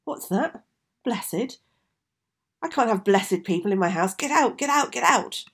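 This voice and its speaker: A woman's voice: low-pitched, fairly quick. A woman putting on a menacing old storybook witch. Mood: enraged. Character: fearsome old witch, grumpy and threatening.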